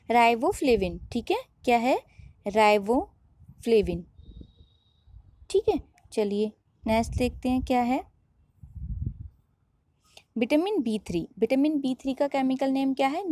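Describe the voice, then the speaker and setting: A woman's voice: high-pitched, lively intonation, normal speed, dark tone. A woman teaching a biology lesson online, who asks questions and answers them herself.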